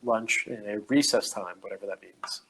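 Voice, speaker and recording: A man co-hosting a casual podcast, reading out news items in a steady, matter-of-fact way. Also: lowish voice, moderate pace, vocal fry, breathy edge, poor audio. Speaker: podcast co-host.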